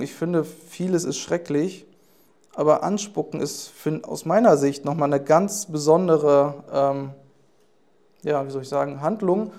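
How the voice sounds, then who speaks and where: A man preaching a sermon in an earnest way, pausing to search for his words. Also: fairly high pitch, a little mellow.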